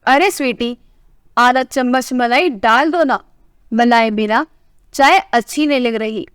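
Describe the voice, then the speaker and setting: A fond, teasing old husband in his sixties coaxing his wife in a storybook tale, as a woman reader puts him on. The voice sits high and reads smooth and clear. The recording is close and dry. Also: measured pace, no room sound, natural voice. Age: 60s.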